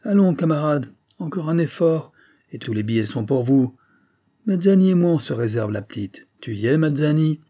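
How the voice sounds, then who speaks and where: Man putting on a taunting bandit chief, high strained voice, mocking, storybook villain. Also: expressive, normal speed, dark tone. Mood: sneering. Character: sneering brutal male bandit leader.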